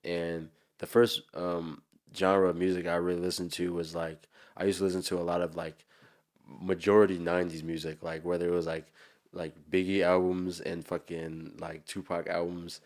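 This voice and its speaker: A man's voice: low-pitched, flat delivery, normal speed, a little mellow. A man with a New Jersey accent, chatting casually and in a slangy, rambling way as a musician being interviewed.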